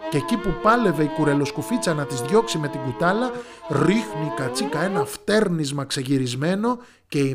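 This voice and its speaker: A man storyteller reading a fairy tale aloud in a lively, expressive way. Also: fairly high pitch. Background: soft music.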